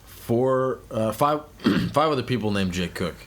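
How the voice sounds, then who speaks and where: A man co-hosting a casual podcast, telling a story with growing excitement. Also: mid-range voice, measured pace. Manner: animated storyteller, hypes himself up. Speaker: podcast co-host.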